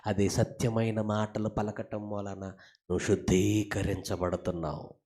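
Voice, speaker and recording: Male preacher, lively swooping delivery, keeps repeating himself and firing off questions at the crowd. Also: mid-range voice, a little slow. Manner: animated, repeats phrases and asks rhetorical questions. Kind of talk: sermon.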